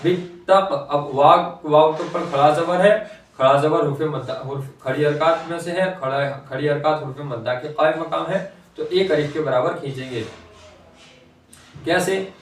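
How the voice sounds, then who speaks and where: A man teaching Quran reading, slowly reciting each word twice and then quickly explaining the pronunciation rules. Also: a little high, slight background noise. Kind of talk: slow recitation lesson. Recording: echoey room, voice from far off.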